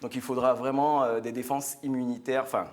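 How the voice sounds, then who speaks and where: A man's voice: medium pitch, flat delivery, fairly quick. A man from French Guiana giving an earnest, chatty product talk on a live studio show, with frequent fillers and restarts. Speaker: guest speaker.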